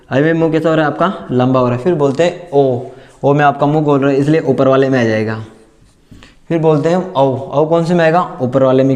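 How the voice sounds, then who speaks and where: A man teaching a class, repeating terms slowly and asking and answering his own questions as he writes them down. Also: on the high side, darkish tone. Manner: dictates as he writes. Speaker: Hindi teacher. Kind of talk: classroom lesson at a board.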